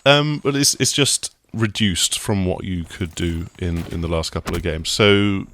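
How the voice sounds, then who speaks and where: A deep-voiced games journalist co-hosts a casual gaming discussion at a measured pace, with a little hiss or hum in the audio. His relaxed explanations ramble, packed with fillers and restarts.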